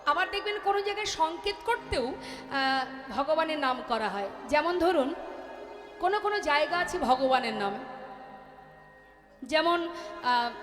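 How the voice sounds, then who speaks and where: A woman's voice: sits high, a bit bright. A Bengali woman preacher giving a devotional sermon in storytelling fashion and addressing listeners directly. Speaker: kirtan singer and preacher. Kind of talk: devotional chanting and spoken sermon. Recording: echoey hall with music.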